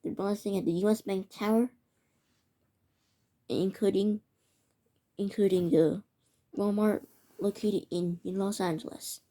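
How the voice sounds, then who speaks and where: A woman reads a homemade emergency alert broadcast, halting and stumbling over words and restarting often, in the style of an amateur mock emergency narration. Her mid-range voice is warm, with fairly even intonation.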